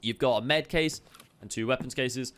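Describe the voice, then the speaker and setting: Chatty and upbeat, a man walks viewers through video game loot as a streamer's guide, adding quick asides along the way. His voice is mid-range and a bit bright. He sounds slightly chesty, with the odd cough.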